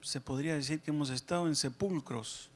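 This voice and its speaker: A man speaking as a priest at Mass, in a measured, solemn way with pauses between short phrases. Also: on the high side. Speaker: priest preaching and leading prayers at Mass. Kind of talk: sermon and liturgical prayer. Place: church during Mass.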